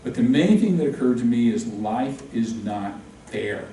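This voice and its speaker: A male instructor lectures a real estate class with lively, swinging intonation and plenty of jokes. He is recorded from across a very echoey classroom, with faint room noise underneath. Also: medium pitch, a little slow. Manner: animated, joking, quizzes the class. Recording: very echoey room, distant mic.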